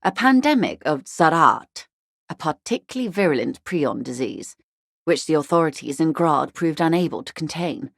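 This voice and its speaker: In scripted game dialogue, a worldly corporate negotiator speaks with cool, ironic detachment, her slightly low voice genteel yet animated. Each line is measured and precisely chosen, her mood wry and detached. The sound is completely dry, with no surrounding room.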